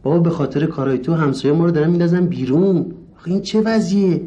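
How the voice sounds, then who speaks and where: A man's voice: fairly high pitch, dark tone. Scolding young man, dull lo-fi sound. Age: young adult. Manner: scolding, exasperated. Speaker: student roommate.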